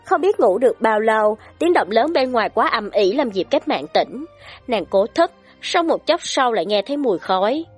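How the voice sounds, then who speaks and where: A woman reads a story aloud in a light, breathy voice that rises and falls with lively expression. Her delivery is dramatic and scripted, with faint music underneath. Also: a little high, moderate pace. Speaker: audiobook narrator.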